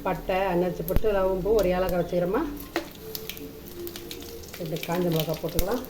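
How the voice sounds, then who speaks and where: A home cook with a lowish, steady female voice demonstrates a recipe briskly in an indoor kitchen. Casual and homely, she repeats each step and talks to viewers like friends. The room echoes, and food sizzles in the background.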